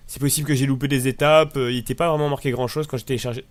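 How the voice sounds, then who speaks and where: A man's voice: medium pitch, steady tone, rapid-fire. Chatty French-speaking man with northern accent. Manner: chatty, rambling, swears lightly. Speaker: gamer. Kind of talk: casual let's-play commentary.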